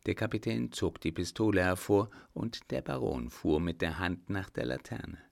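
A man reading a novel aloud as narrator, in a steady, measured way. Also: low voice, gravelly, no room sound, clean studio sound. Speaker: audiobook reader. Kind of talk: scripted narration.

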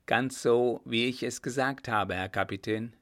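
A man's voice: medium pitch, unhurried, fairly bright tone, close to an everyday voice. Man doing a sly, cheeky coachman. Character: sly, cheeky coachman who mocks his captain.

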